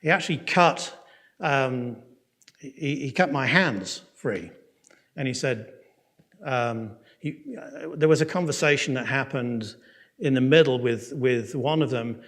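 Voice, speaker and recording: An English man with a mid-pitched voice lectures a class. He tells a personal story in a loose, conversational way, with many fillers, restarts and pauses. He checks in with his listeners as he goes, and his pace swings between quick and slow. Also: fairly bright tone. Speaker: Bible course teacher.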